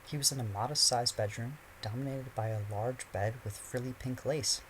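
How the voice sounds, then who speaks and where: A man reads a fan fiction chapter aloud with a steady storytelling delivery. His voice sits in the middle range, with a faint hiss in the background. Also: mid-range voice, normal speed, poor audio. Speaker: narrator.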